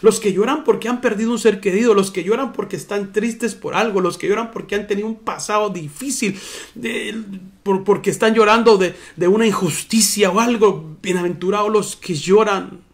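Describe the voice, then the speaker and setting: A man's voice: high voice, normal speed. A man preaching a sermon in church as pastor, earnest and personal, often calling his listeners brothers.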